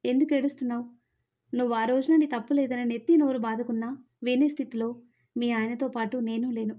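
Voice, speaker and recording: A woman's voice: a little high, fairly even intonation, a little fast, highs cut off, lightly acted. A woman voicing a stern older father-in-law in a storybook reading, scolding and emotional. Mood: pained.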